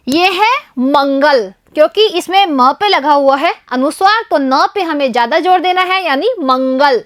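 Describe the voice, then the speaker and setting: A woman's voice: extremely high pitch, a bit bright, no echo. A woman with an Indian accent, a primary school teacher explaining a Hindi lesson to young children, asking questions and answering them herself. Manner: keeps addressing the children, asks and answers her own questions.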